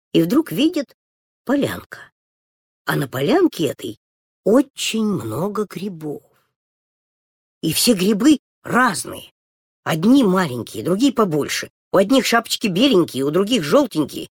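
Expressive woman reading a children's story. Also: on the low side, slightly rough, no echo, studio quality. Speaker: reader.

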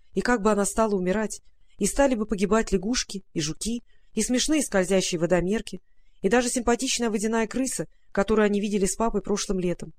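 A woman narrating a children's storybook in a calm, measured reading voice. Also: mid-range voice. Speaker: audiobook narrator.

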